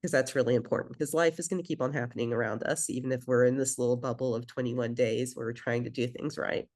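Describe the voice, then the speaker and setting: A woman who grew up in Belgium coaches a group through a nutrition program in an instructional session, speaking fast in a steady, bass, slightly mellow voice. She keeps it conversational, using many fillers and putting questions to the group.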